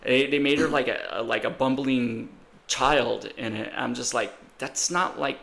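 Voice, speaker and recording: Gravelly-voiced man in casual podcast chat. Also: mid-range voice, fairly even intonation, moderate pace, fairly bright tone. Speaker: podcast co-host.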